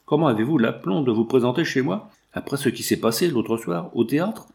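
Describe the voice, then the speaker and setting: A man's voice: medium pitch, lively intonation, brisk, vocal fry, darkish tone, pitched above the performer's own voice. A man reading aloud in the part of a jilted young man who grumbles and sulks. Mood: sulky. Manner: grumbling, vexed. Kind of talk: audiobook reading.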